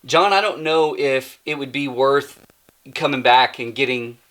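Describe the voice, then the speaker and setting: A man's voice: mid-range voice, a little slow, a bit bright. A man hosting his own channel, giving a casual hands-on toy review in a rambling, self-mocking, chatty way.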